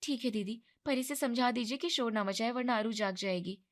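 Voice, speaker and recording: A woman's voice: fairly high pitch, normal speed, close to an everyday voice. A woman voicing a tired, put-upon young wife who sounds weary and resentful, in a storybook narration.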